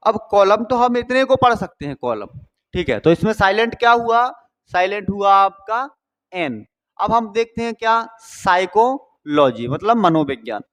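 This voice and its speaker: A man's voice: high-pitched, lively intonation, moderate pace, a bit bright, clear, resonant tone. A man from India teaching a lesson, explaining step by step and asking and answering his own questions. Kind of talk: classroom lesson.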